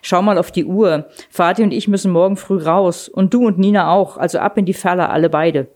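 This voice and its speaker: A woman voicing a tired, strict mother sending her daughters to bed in a read-aloud novel, talking briskly and firmly. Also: lowish voice, fairly even intonation, a little mellow, close to an everyday voice. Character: tired, strict East German mother at bedtime.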